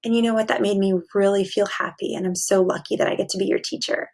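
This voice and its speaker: A teacher reads aloud and chats casually with young children, encouraging them and asking them questions. Her medium-pitched voice is creaky and darkish in tone, steady and quick.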